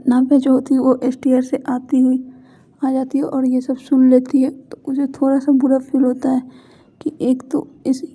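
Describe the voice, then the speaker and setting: A woman's voice: sits high, dark tone, breathy edge. A woman narrating a story casually and conversationally, correcting herself as she goes, in a dull lo-fi recording.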